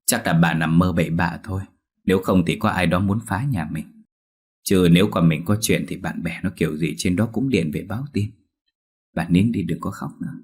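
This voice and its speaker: Worried old countryman, soft and soothing, very low voice, read by a male narrator. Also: moderate pace, husky. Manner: soothing, concerned. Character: worried old village husband, gentle.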